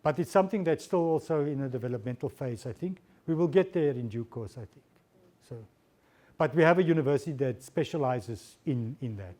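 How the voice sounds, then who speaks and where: A man's voice: mid-range voice, animated, fairly quick, dark tone. A man, a diplomat answering audience questions at a guest lecture, often repeating words as he searches for phrasing. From South Africa.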